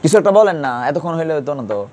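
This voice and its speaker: A male teacher, pitched a little high but with a darkish tone, speaks expressively and at a racing pace over a slight hiss or hum. In a casual, conversational grammar lesson he patiently drills pronunciation and keeps quizzing students.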